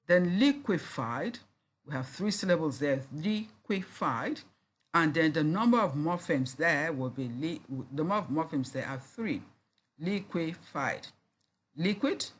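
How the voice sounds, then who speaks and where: A university lecturer with a slightly husky, breathy voice, delivering a recorded lesson. The delivery is slow and deliberate, with each example word repeated to sound it out and letters spelled out one by one. The pitch sits in an ordinary middle range. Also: lively intonation.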